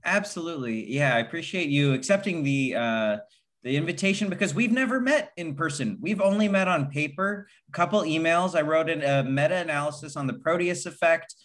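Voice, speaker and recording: A man's voice: a little high, fairly quick, a bit bright. A man hosting a podcast interview, enthusiastic and friendly. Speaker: podcast host. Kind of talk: casual interview.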